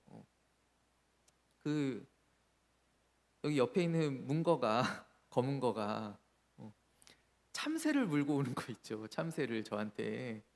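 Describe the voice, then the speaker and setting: A man preaching a sermon as a pastor, telling stories in an animated way and acting out the voices he quotes. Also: mid-range voice. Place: church sanctuary. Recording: church hall reverb.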